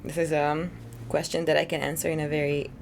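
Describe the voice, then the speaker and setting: A young woman from Hungary, a singer-songwriter guest talking casually in an interview, chatty and relaxed, full of "you know" fillers. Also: low-pitched, quick pace, vocal fry, slight background noise.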